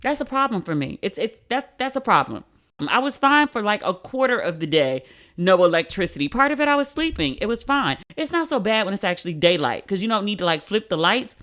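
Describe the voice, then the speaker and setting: A woman's voice: mid-range voice, big pitch swings, a little fast, fairly bright tone. Casting: woman, mid-range voice, tipsy, slangy solo podcast host in loose, unscripted chat. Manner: informal, salty, uses slang and repeats for emphasis. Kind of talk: casual chat, unscripted monologue.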